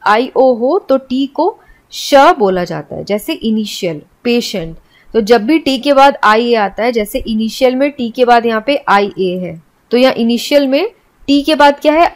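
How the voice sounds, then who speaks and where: A woman teaching English pronunciation, explaining each rule step by step and spelling words out letter by letter. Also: fairly high pitch. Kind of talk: classroom explanation.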